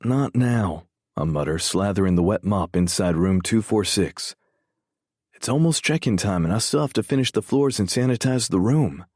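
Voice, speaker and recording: A man narrating a first-person romance audiobook in a measured, brooding way, swearing freely. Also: deep voice, a little mellow, dry recording, clean studio sound.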